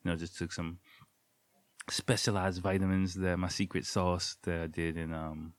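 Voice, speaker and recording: Speaking with a low voice and flat delivery at a moderate pace, a man hosts his own podcast from home late at night while stuffy from a cold. His loose, meandering solo chat includes lots of ums and jokey sound effects, and the recording is dry.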